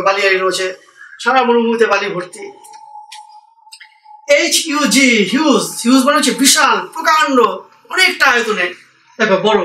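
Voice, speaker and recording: With an extremely high, bright and forceful voice, an Indian teacher patiently spells out English vocabulary letter by letter and explains each word to learners. The recording is echoey and distant, with slight background noise.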